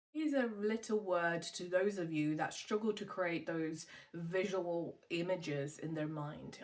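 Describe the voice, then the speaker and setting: A woman who is a hypnopsychotherapist and mindfulness teacher, explaining meditation in a gentle, measured way with soft fillers. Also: fairly low pitch, far from the mic. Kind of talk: calm explanatory talk on meditation.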